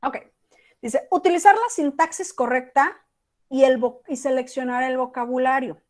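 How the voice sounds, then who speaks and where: Mexican lady teacher, high voice, chatty online class, does little voices for texts. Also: normal speed. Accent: Mexican Spanish. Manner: conversational, acts out example text messages.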